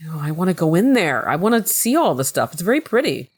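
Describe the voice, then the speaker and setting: A woman's voice: lowish voice, very animated, fast talker, breathy edge. Chatty, slightly congested woman gaming. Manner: chatty, self-mocking, often laughing. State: slightly congested from a recent cold. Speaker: gameplay video host. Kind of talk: casual let's-play commentary, reading game text aloud.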